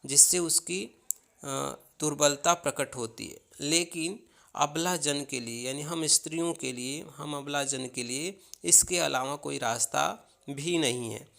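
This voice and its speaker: A man teaches a poetry lesson at an unhurried pace. His voice has a gravelly edge and a bright, forceful tone. He reads each verse aloud and then explains it line by line. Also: on the high side. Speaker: Hindi literature teacher.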